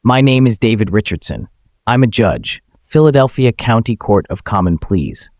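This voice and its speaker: A steady, controlled middle-aged judge who keeps his words careful and measured, read by a man. The voice sits low but moves lively in pitch. The sound is dry and close, with no room around it. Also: no room sound. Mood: calm. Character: calm middle-aged male judge under arrest.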